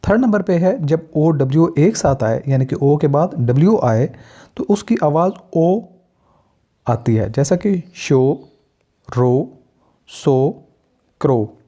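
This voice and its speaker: Male teacher from Pakistan, unhurried and methodical. Deep mellow tone, muffled lo-fi recording. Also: lively intonation. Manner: deliberate, lists example words one by one. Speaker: English teacher. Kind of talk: spoken pronunciation lesson. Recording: dull lo-fi recording.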